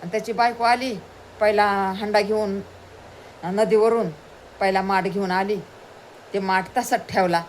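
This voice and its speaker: A woman's voice: medium pitch, fairly even intonation, a little slow, pauses often, slight background noise, rough recording. A woman telling a folk tale aloud, repeating phrases and addressing her listeners with asides. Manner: repetitive, chanting retelling with rhetorical asides. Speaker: storyteller.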